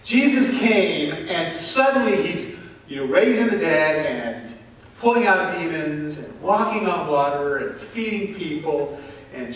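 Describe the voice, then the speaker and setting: A woman preacher giving a sermon, earnest and reassuring, with long pauses. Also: low-pitched, slight background noise. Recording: echoey hall from far off.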